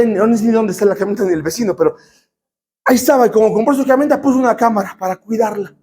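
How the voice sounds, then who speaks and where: A middle-aged man preaching a sermon as pastor, calling for responses and shouting for emphasis. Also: sits high.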